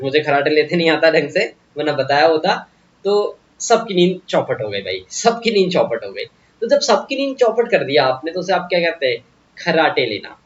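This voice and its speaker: A man's voice: on the high side, dull audio. A man teaching English vocabulary in a casual, joking way, often asking the viewer questions. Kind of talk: casual Hindi vocabulary lesson.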